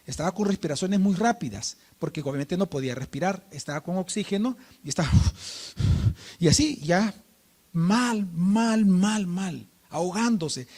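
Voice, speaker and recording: A man preaching a sermon at church, telling a personal story and softly acting out quoted dialogue. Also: high-pitched. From Guatemala. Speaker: pastor.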